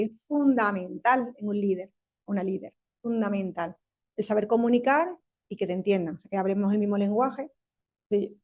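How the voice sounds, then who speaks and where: Spanish woman in her 50s on a panel, a bit high-pitched, fast and animated, laughs a lot. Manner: animated, laughs often, speaks quickly with restarts. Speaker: panel speaker, tech company executive. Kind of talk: panel discussion.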